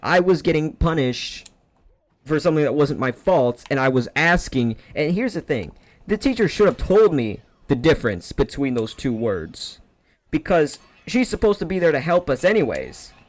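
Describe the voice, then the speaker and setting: A man's voice: a little high, sing-song, normal speed, dry recording. A man streaming games while telling a long, profane story in a sarcastic, rambling way. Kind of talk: casual rant over gameplay.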